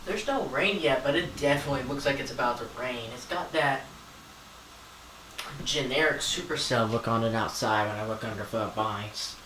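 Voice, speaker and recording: A man's voice: mid-range voice, normal speed. A man giving casual, off-the-cuff commentary as a hobbyist, hesitant and often trailing off. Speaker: weather alert recording hobbyist. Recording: echoey room with faint ambient noise.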